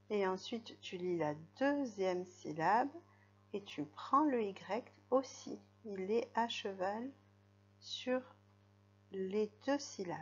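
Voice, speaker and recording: A woman gives a reading lesson to young children. She talks slowly and patiently, spelling out letters and syllables one at a time. The recording sounds dull and lo-fi. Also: mid-range voice. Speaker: teacher.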